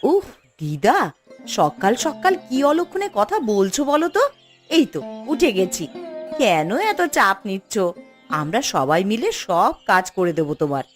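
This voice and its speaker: A woman's voice: medium pitch, sing-song, measured pace, faint music behind. A woman voicing young village sisters in a cartoon, whiny and pleading. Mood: coaxing. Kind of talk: cartoon voice acting.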